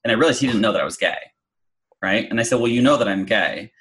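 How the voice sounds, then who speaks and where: A man's voice: lowish voice, lively intonation, fast, fairly bright tone, rough recording. A middle-aged man telling a personal story in an interview, chatty, with many fillers and restarts. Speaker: guest.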